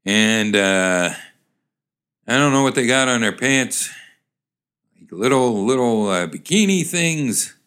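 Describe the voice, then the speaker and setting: Rambling man with a lively voice. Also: mid-range voice, slow, long pauses, clear, resonant tone. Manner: rambling, chuckling, hammy voices for quoted characters. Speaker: comedic reader of old joke cartoons. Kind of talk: ad-libbed comic commentary and joke reading.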